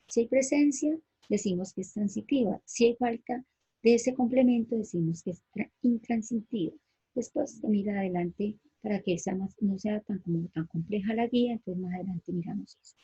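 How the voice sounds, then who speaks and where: Teacher with a dark, husky voice. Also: female voice, mid-range voice, normal speed, no room sound, rough recording. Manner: patient, explanatory, checks understanding with "¿sí?". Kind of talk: online grammar lesson.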